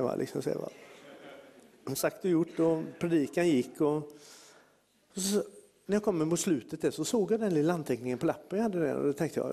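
Gravelly-voiced man preaching in a hall. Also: on the high side. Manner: lively anecdotal preaching with acted-out quotes. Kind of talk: sermon storytelling.

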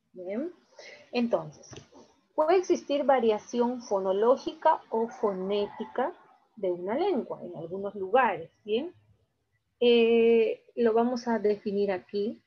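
Slow, husky woman teacher. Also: fairly high pitch, animated, highs cut off. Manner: slow, explains step by step with frequent check-ins. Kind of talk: recorded class lecture.

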